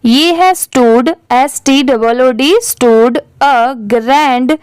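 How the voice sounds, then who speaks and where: A woman's voice: sits high, very slow, smooth, no room sound. A woman teaching English reading, spelling each word letter by letter and then asking and answering how it is pronounced.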